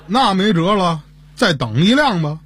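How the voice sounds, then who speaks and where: A man's voice: high voice, sing-song, measured pace, fairly bright tone. A man playing the father in a scripted radio comedy dialogue, asking curious questions. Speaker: father in a family comedy sketch.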